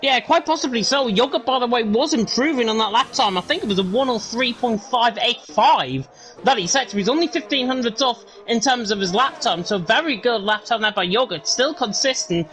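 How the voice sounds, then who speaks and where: A man with a Northern English accent giving rapid play-by-play commentary on an online racing league, with chatty asides to viewers. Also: very high voice, a bit bright, poor audio. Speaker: lead commentator. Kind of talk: esports race commentary.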